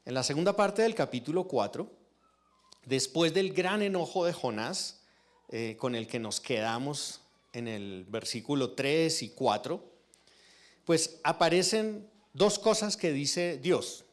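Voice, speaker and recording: A male pastor preaches in a church, his voice sitting a little high. He speaks slowly and deliberately, posing question after question to the congregation. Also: animated. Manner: teaching with rhetorical questions to the congregation. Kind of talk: sermon.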